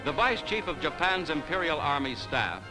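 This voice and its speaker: A man delivering 1940s newsreel narration in a brisk, emphatic announcer style, as on an old newsreel recording. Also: a little high, big pitch swings, poor audio. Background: loud music bed.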